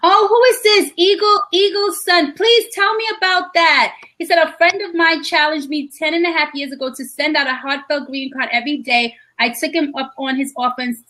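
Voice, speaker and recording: A woman from New York co-hosting a casual live video chat, talking in quick restarts while dealing with a shaky connection. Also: high voice, fairly even intonation, bright, forceful tone. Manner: chatty, restarts often, coping with connection trouble. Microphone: video call.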